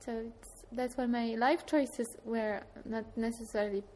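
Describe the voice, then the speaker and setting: Her voice is a little high and mellow, steady in tone and measured in pace. A young woman from Poland with a British-tinged Polish accent, she chats casually as a guest, restarting her thoughts as she rambles, while the noisy ambience of a train station fills the recording.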